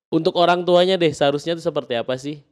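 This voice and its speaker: A man hosting a casual podcast interview, asking probing questions and often nodding along with quick affirmations. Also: on the high side, a little mellow. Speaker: podcast host.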